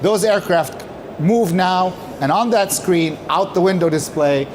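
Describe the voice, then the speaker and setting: A man's high voice moves a little slowly through a prepared, conference-style company presentation. He explains emphatically, posing questions and answering them in turn. The background is noisy.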